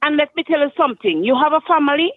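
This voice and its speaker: A woman's voice: high-pitched, animated, fast talker, no echo. Grenadian woman on a clipped phone line. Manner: earnest, emphatic and repetitive. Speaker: caller. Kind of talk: call-in radio chat. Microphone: telephone. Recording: tinny dry phone line.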